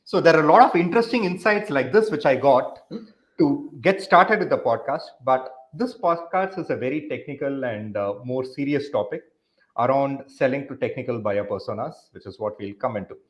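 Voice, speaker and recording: A man's voice: medium pitch, lively intonation, moderate pace. A man in his thirties hosting a live business interview, talking in a loose, rambling way with many fillers. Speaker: podcast host.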